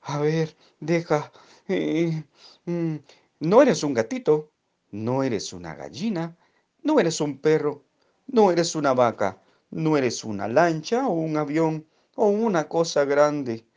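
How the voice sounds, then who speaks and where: A tiny lost baby bird, as a man puts it on with a thin voice pitched far above his own. It cries out and pleads, eager and anxious. A children's storybook telling, read slowly. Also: big pitch swings, darkish tone, muffled recording, full character voice. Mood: pondering.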